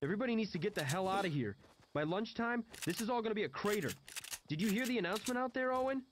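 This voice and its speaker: A man reading an audiobook and voicing a manic young man in a much higher, frantic voice, with background noise. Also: lively intonation, fast. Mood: urgent. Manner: frantic, yelling. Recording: noisy background hiss.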